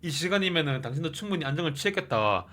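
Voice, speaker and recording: A man plays a sleazy, lecherous rich man with a leering tone. When he is stabbed, his voice jumps high into choked squeals. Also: animated, racing, pushed and bright. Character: lecherous rich man, then dying in shock.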